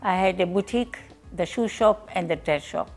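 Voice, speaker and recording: A woman's voice: mid-range voice, moderate pace, faint music behind. An older woman at home, recalling her past in an interview with some restarts.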